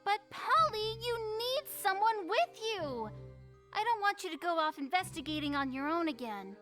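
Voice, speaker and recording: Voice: very high-pitched, very animated, normal speed, over music. A performer voicing a cheerful, teasing teenage girl stage magician in fan game voice acting. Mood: cheeky. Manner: bubbly, teasing.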